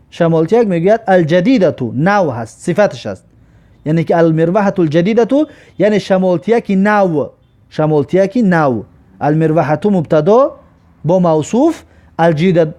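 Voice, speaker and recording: A man teaches a grammar lesson, walking through each example slowly and repeating every phrase. His voice sits high and moves a lot in pitch. The tone is mellow and dark. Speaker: Arabic teacher.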